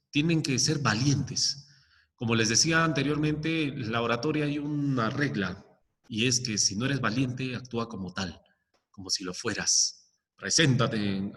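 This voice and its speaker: In a large hall, a man with a medium-pitched, slightly bright voice teaches a recorded lesson. He walks through it step by step, often checking with the class through rhetorical questions and frequent "¿ya?" prompts.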